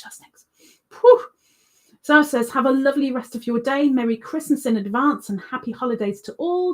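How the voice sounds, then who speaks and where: A woman hosting a crochet livestream, chatting casually and reading viewer comments aloud, rambling with ums and self-corrections. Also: medium pitch.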